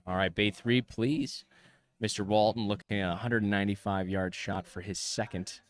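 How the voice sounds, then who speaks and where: A man giving play-by-play golf commentary in a measured broadcast manner, full of course jargon. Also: fairly low pitch, fairly even intonation, dry recording.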